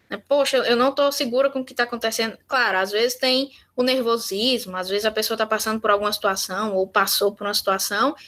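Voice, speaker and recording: Brazilian woman instructor, high and bright, chatty teaching that slips into little acted dialogues. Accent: Brazilian Portuguese. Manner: conversational, acts out sample dialogues. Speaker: workshop instructor. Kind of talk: online workshop talk.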